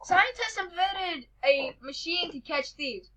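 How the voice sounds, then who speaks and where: High bright woman reading jokes. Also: animated, slow pace, low-quality recording. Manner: reads jokes aloud, stumbling and restarting. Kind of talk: casual joke-reading challenge.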